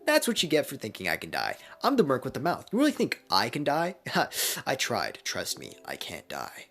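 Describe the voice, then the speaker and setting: A man playing Deadpool, loud and jeering. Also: medium pitch, wildly swooping pitch, a little fast, pitched above the performer's own voice. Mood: gloating. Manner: loud, crude, jokey. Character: brash wisecracking male mercenary, loud, crude.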